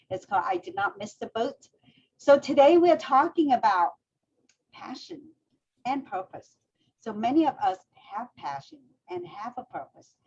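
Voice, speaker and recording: A woman's voice: mid-range voice, darkish tone, slightly rough. Chatty woman co-host on lo-fi audio. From Vietnam. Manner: chatty, with many fillers. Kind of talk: casual talk show hosting.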